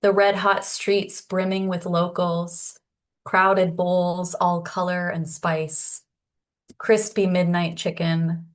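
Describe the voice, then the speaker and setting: A woman from Canada with a Canadian accent, reading her poem slowly and evenly over a remote call. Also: fairly low pitch. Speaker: poet. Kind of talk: poetry reading.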